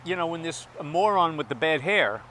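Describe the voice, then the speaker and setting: Male co-host, casual talk, animated rises and falls, halting and profane. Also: fairly high pitch, slight background noise. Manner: hesitant, profane, philosophical. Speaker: podcast co-host. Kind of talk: casual chat.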